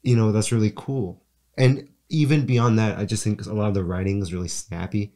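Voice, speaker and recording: A young man with a congested, stuffy voice, co-hosting a casual film review podcast. He talks in a rambling, relaxed way and often restarts his sentences. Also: fairly low pitch, fairly quick. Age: young adult. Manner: rambling, self-correcting, relaxed. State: congested from allergies. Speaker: podcast co-host.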